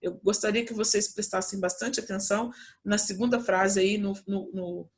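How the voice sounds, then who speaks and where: A woman's voice: mid-range voice, steady tone, normal speed. A Brazilian woman who teaches Portuguese, giving a class from home and explaining step by step with frequent checks on her students. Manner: explains patiently, lots of checking "né?" and "tá?".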